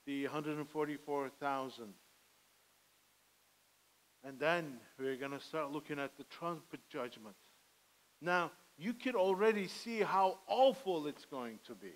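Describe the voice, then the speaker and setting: Man, middle-aged, pastor, high voice, earnest pleading sermon, headset mic in a church. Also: low-quality recording. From Armenian heritage. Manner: earnest, pleading, gestures broadly at pulpit. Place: church sanctuary, indoors, medium size.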